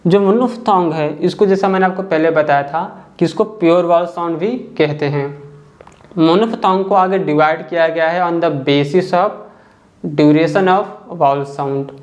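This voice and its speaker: A man teaching as he explains step by step, patiently repeating each point and checking in with the listener. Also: a little high.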